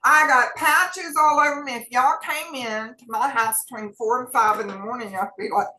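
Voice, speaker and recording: A woman's voice: on the high side, steady tone, normal speed, pushed and bright, echoey room, rough recording. A woman, co-hosting and talking straight to her viewers in a chatty, folksy way. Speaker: co-host sharing wellness tips. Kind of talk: casual chat.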